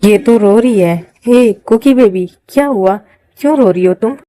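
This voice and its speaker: A woman's voice: a little high, normal speed, warm tone, no echo, close to an everyday voice. A woman voicing a possessive, menacing young man in a Hindi fan-dub drama, commanding and controlling. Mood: tender.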